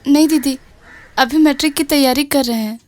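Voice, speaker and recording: A woman's voice: sits high, normal speed, darkish tone, no echo, close to an everyday voice. An actress playing an earnest young village woman who speaks in rustic dialect. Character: determined village girl grown into art teacher.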